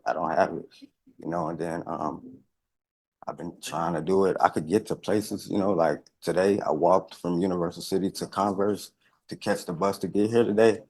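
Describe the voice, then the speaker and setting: A man of about thirty from California, answering a judge in a courtroom in a halting, pleading way. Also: low-pitched, husky. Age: 30s. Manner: halting, many fillers, pleading. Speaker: defendant. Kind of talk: courtroom testimony.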